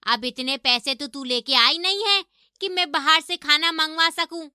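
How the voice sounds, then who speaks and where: Woman voicing a taunting mother-in-law, bright and high. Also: moderate pace, no room sound, studio quality. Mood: scolding. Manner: taunting, domineering. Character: harsh scolding middle-aged mother-in-law. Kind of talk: animated story voice acting.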